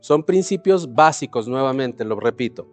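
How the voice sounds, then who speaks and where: A man's voice: medium pitch, expressive, moderate pace, a little mellow, soft background music. A man preaching a sermon to a congregation. He explains scripture, asks the crowd rhetorical questions, answers them himself and calls on them to repeat phrases after him.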